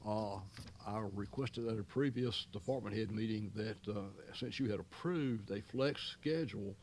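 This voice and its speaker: A man's voice: lowish voice, moderate pace, darkish tone, slight background noise. A man serving as county manager, explaining items at a public board meeting in a folksy, long-winded way with many fillers and restarts.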